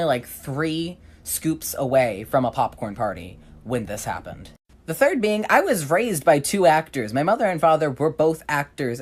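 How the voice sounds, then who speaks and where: A woman's voice: low voice, a little mellow. A young adult woman telling personal stories in a casual storytime narration, blunt and profane.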